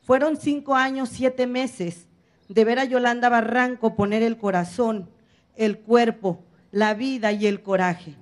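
A middle-aged woman speaks from a podium in a large hall. She reads her speech solemnly and stacks short phrases into steady, rhythmic lists. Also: on the high side, measured pace. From Mexico. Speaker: activist speaker at a public apology event. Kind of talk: formal speech read from notes. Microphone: podium microphone on a stand, filmed from afar.

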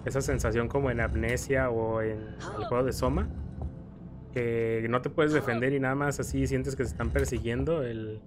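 This is a Mexican man, a video game streamer, chatting casually and rambling about his play with slang and playful swearing. His voice sits at a medium pitch with a steady tone and normal speed, over the game's music.

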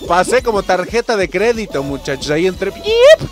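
Mexican guy streaming a game, high lively voice swinging all over, swears and yelps, game music behind. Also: a little fast. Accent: Mexican Spanish. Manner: loud, profane, yelps and laughs often. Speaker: gaming YouTuber. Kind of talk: excited gameplay commentary.

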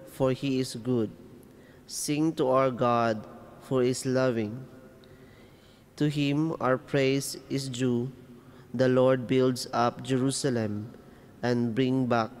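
Male church lector, solemn and measured, unhurried mid-pitched reading, long cathedral echo. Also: steady tone, clean tone. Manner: measured, reverent, phrase-by-phrase delivery. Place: inside a church.

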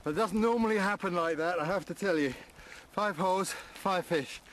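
A man's voice: high voice, moderate pace, slight background noise. A middle-aged man talking cheerfully outdoors in the snow on location. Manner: excited, cheerful. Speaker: presenter on location. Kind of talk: casual chat on location.

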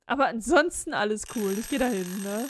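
A woman's voice: fairly high pitch, expressive, fairly quick, a bit bright, no echo. A woman casually commenting on a game she plays, with sarcastic, grumbling asides. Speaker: Let's Play host.

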